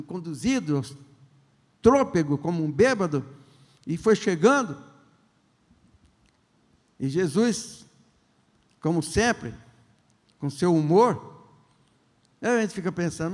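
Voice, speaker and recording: Older man, bishop preaching, high voice, long church reverb. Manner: conversational, joking, asks the congregation questions; acts out the characters' lines in quick voices. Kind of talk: sermon. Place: large church hall.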